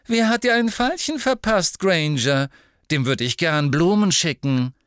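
A man playing a spoiled, arrogant teenage boy in a storybook, with a raised, loud, sneering voice. He snarls and taunts with a lively swing, recorded dry and close. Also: a little high, unhurried, smooth, no echo, pitched above the performer's own voice.

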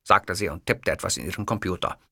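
A man narrating a first-person audiobook in a measured, ironic storytelling manner. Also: low voice, gravelly, bright, forceful tone, dry recording, studio quality.

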